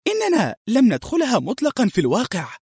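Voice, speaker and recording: A man voicing a lively young woman who speaks in excited exclamations. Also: very high-pitched, fast talker, slightly rough, no room sound, clean studio sound, pitched above the performer's own voice, full character voice. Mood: curious.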